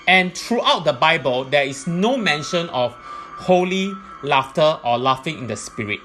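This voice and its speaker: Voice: mid-range voice, animated, measured pace, bright, forceful tone, faint music behind. A presenter giving explanatory religious teaching in a methodical, point-by-point way.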